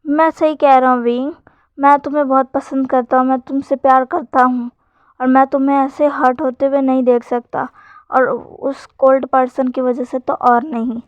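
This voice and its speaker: A woman's voice: sits high, level tone, moderate pace, no room sound, close to an everyday voice. Woman reads possessive schemer, young man, plain storybook delivery, dry and muffled. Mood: pleading. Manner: read in a plain narrating voice, softer when plotting. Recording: dull lo-fi sound.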